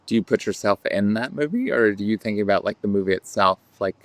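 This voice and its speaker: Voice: deep voice, quick pace, no echo. Casual interviewer, short prompts, dry sound. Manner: brief prompts and short reactions. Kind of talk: casual chat.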